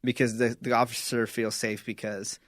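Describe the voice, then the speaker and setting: A man who works as a radio DJ, co-hosting a podcast and calmly explaining his advice step by step. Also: mid-range voice, moderate pace, no echo, clean studio sound. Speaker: radio DJ, co-host. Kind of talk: casual chat.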